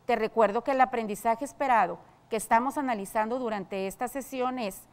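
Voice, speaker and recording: A woman teaching a televised secondary school class, explaining step by step and pausing with "eh". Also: on the high side.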